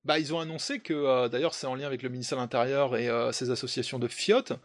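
A man's voice: medium pitch, steady tone, fast. A man hosting a casual podcast discussion, talking in a hesitant, sneering way with many fillers and restarts. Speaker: host.

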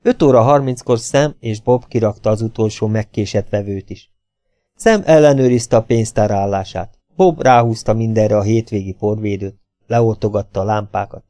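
A man narrating an audiobook in a measured, evenly paced way. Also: lowish voice, mellow, no room sound, studio quality. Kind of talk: audiobook reading.

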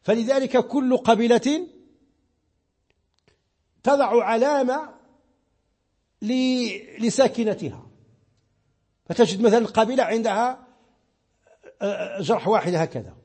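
A Moroccan sheikh teaches a religious lesson on Islamic law, explaining with patience and repeating words while he hunts for the right ones. His voice is very high, mellow, and edged with breathiness.

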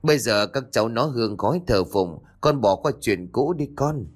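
A man's voice: on the low side, animated. A man doing a mournful old grandmother ghost. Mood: pleading. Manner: slow, mournful pleading.

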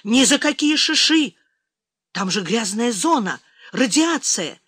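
A woman narrator voicing a panicky, cowardly drunk male officer in a shrill, whining voice. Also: sing-song, unhurried, no room sound, studio quality, heavily acted. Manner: shrill, whining, higher and louder than narration.

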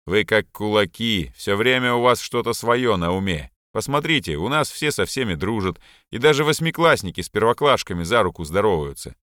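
A man voicing a bossy schoolboy leader who scolds and gives loud orders. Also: lowish voice, expressive, normal speed, few pauses, no echo, clean studio sound.

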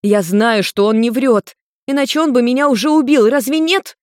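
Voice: medium pitch, steady tone, normal speed, a little mellow, no echo, clean studio sound, voice pushed up, natural voice. A narrator voicing an anxious, protective young woman who speaks in a raised, pleading voice.

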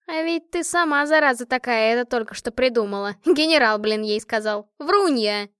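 A woman's voice: high voice, a little fast, no room sound, voice pushed up, lightly acted. A woman voicing a tired, tough young orphan girl soldier who speaks bitterly and coarsely, close to tears, in an audiobook. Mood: teasing rough.

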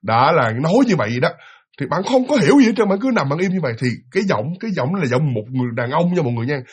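Fast, lively Southern Vietnamese man telling a story. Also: fairly high pitch. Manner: lively, addresses listeners directly, breathy voice.

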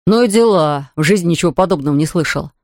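A blunt, cheeky street boy from an audiobook, voiced by the reader. He grumbles his words out fast and plainly. The sound is close and dry. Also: medium pitch, expressive, a little mellow, no room sound, natural voice. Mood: gruff. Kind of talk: audiobook character voice.

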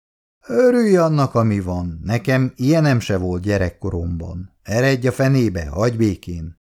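A man reading a story aloud and voicing a drunk, bullying middle-aged father who shouts gruffly and slurs his slow words. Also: lowish voice, big pitch swings.

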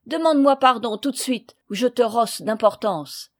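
A woman's voice: a little high, animated, moderate pace. A woman reading aloud, voicing a jealous, spiteful boy who sneers at his rival in a storybook. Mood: furious. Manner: spiteful and scornful.

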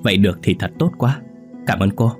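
A man's voice: fairly low pitch, lively intonation, fairly quick, darkish tone, faint music behind, close to an everyday voice. A man reading the lines of a determined young man, speaking urgently and resolutely.

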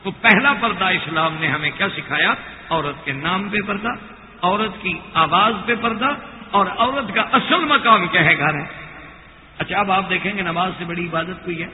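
Male preacher, high voice, rhetorical and emphatic, tinny hall recording. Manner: rhetorical, swings from quiet asides to loud emphatic declaring; chants Quranic verses in Arabic. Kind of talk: sermon. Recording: echoey hall on a tinny lo-fi line.

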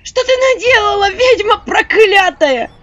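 A woman voicing a panicked young village girl who shrieks and wails in a shrill voice. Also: lively intonation, unhurried, a bit bright, full character voice. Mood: shrieking panic. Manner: shrill, wailing, screeching. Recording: dull lo-fi audio with faint music.

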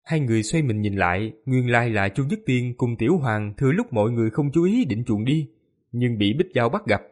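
A man narrating a fantasy novel audiobook with lively, expressive storytelling. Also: medium pitch, brisk.

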